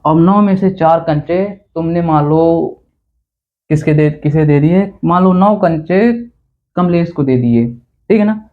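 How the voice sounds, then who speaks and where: A man's voice: on the high side, unhurried. A man teaching a basic math lesson in a chatty, teasing way, checking often that students follow. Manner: chatty, teasing, repeats "theek hai na" to check understanding. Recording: tinny phone-like sound.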